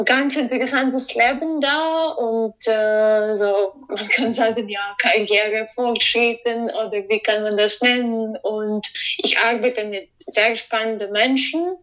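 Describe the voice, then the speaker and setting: A woman, a composer answering interview questions. She talks hesitantly, searching for words and filling pauses. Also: fairly high pitch, fairly bright tone, low-quality recording. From Ukraine.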